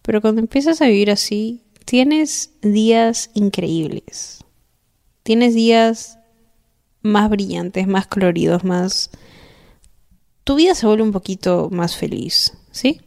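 A woman's voice: medium pitch, takes it slowly, gravelly, a little mellow. A young woman hosting a podcast, giving casual, affectionate advice and often checking in with the listener. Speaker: podcast host.

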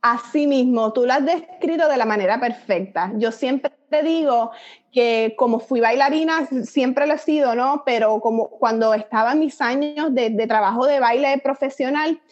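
A middle-aged woman from Puerto Rico, guest psychologist and dance method creator, explains her thinking in a conversational interview. Reflective and sprinkled with small fillers, her speech carries a Puerto Rican Spanish accent in a high voice at normal speed. The audio sounds dull and lo-fi.

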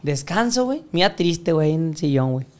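A man's voice: a little high, sing-song, a little fast, darkish tone. A young Mexican man with a Mexican accent, telling a crude, slang-filled story in casual chat. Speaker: podcast guest telling his story.

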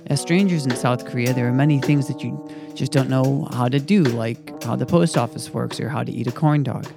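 A male podcast host with a gravelly voice tells his stories with dry, wry timing. Music plays clearly behind him. The voice sits at a middle pitch. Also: fairly quick. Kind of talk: scripted narration and casual chat.

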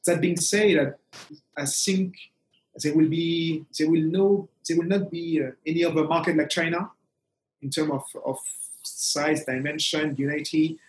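A man from Togo, speaking conversationally as an interview guest, with halting, restarted phrasing. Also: on the high side, fairly even intonation, a little hiss or hum, rough recording.

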